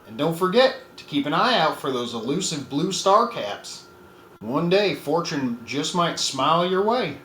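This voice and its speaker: A man voicing a folksy cowboy soda pitchman with a drawling, hearty sales patter, recorded in a roomy space with faint background noise. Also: big pitch swings, measured pace, fairly bright tone.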